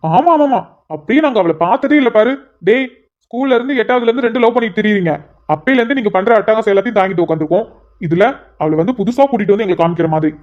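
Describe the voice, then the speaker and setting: Woman voicing a fast, mocking young man. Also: mid-range voice, close to an everyday voice. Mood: teasing. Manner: mocking, exasperated, quick banter. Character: sarcastic teasing young married man, a joker. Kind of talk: cartoon voice acting. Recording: slightly muffled lo-fi audio.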